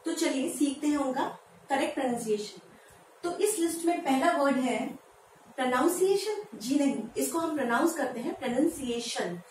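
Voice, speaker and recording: Woman with a high voice teaching english words in hindi, sounds far off in a very echoey room, some faint hiss behind her. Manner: lively, asks viewers questions and answers them; spells words out slowly, syllable by syllable. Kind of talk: Hindi-language pronunciation lesson. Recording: echoey room, voice from a distance, faint background noise.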